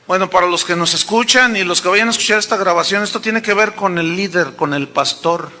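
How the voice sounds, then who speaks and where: Man, pastor preaching a sermon, storytelling, high-pitched, long hall reverb. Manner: storytelling, shifts between quiet asides and raised emphasis.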